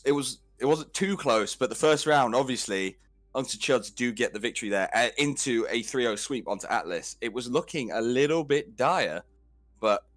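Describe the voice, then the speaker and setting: A man's voice: mid-range voice, no room sound. A man hosting an esports cast, chatting casually with fillers and frequent laughs. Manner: relaxed, chatty, laughs often, filler words. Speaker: esports caster and host.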